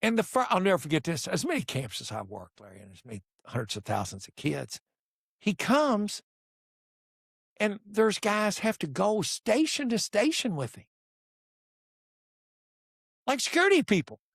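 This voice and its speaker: Older man, gravelly, animated storytelling, dry room. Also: sits high, moderate pace, long pauses, no room sound. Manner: animated storyteller acting out dialogue. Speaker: podcast guest, basketball coach. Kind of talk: storytelling in casual conversation.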